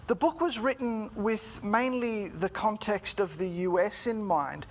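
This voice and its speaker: A man giving a prepared, formal talk in a measured, deliberate way, phrase by phrase. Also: high-pitched, a bit bright, a little hiss or hum. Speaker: speaker giving a talk, student teacher.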